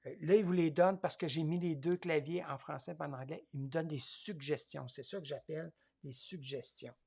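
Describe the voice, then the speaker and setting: A man's voice: a little high, steady tone, normal speed, creaky, darkish tone, slightly rough. A man with a Quebec French accent teaching a tablet class, hesitant and thinking aloud as he demonstrates step by step. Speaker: tablet course instructor.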